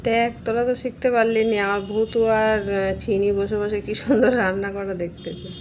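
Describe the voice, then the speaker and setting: A woman's voice: mid-range voice, flat delivery, fairly quick, darkish tone, slight background noise. A woman vlogger talking fondly to her pets at home while she cooks, calling their names again and again. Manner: coos and calls out pet names over and over. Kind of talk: casual talk to pets while cooking.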